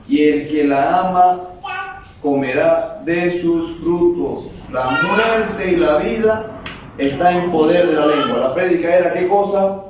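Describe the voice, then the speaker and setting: A man's voice: on the high side, slight background noise. A male preacher, giving a conversational sermon and asking the congregation rhetorical questions. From Bolivia. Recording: echoey, dull sound from far off.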